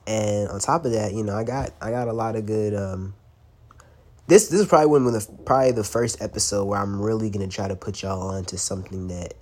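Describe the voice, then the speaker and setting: Stuffy and congested from a cold, a young man hosts a casual solo podcast, talking loosely and slangily, swearing a lot and laughing now and then. His voice is lowish and darkish in tone, and he speaks fairly quickly.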